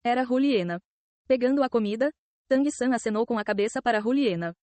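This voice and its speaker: Brazilian-accented woman narrator, quick and steady, fairly high, dry sound. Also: no echo. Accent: Brazilian Portuguese. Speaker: audiobook narrator. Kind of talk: scripted novel narration.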